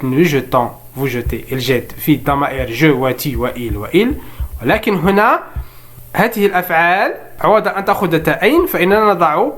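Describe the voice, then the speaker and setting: A man teaching French grammar in Arabic, explaining quickly and then slowly spelling out French verb forms one by one. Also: fairly high pitch, fairly bright tone. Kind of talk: bilingual grammar lesson.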